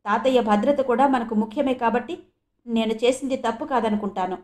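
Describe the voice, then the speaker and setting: A woman's voice: on the high side, a little fast, a little mellow, lightly acted. Woman reading as a fiery young woman. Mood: urgent. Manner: urgent, pleading.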